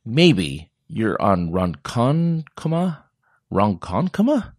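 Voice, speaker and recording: A man's voice: mid-range voice, big pitch swings, takes it slowly, dry recording, studio quality. A young man hosting a podcast, reading out a list of upcoming events in a chatty, joking way and tripping over place names now and then. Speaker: podcast host.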